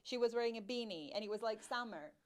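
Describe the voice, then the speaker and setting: A woman's voice: fairly high pitch, quick pace, crowd noise. A woman co-hosting a casual chat, telling anecdotes with many fillers and laughing. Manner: storytelling, hesitant with fillers, laughs often. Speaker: podcast co-host, workshop facilitator.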